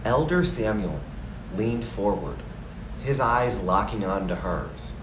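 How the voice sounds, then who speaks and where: A man tells a story in a calm, gentle, measured way, his voice fairly low. He sits a long way from the microphone, with clear background noise around the narration. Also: roomy sound, distant mic. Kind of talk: slow scripted storytelling narration.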